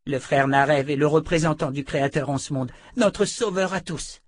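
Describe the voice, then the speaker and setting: A man's voice: a little high, normal speed, voice pushed up, close to an everyday voice. A man reading an audiobook, voicing a cowardly, fawning male killer who grovels before his captors. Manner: wheedling, zealous.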